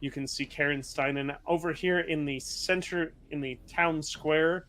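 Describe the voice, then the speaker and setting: A man's voice: fairly high pitch, fairly even intonation, a little slow, fairly bright tone, slight background noise. A man running a tabletop role-playing game as game master, describing scenes with frequent fillers and self-corrections.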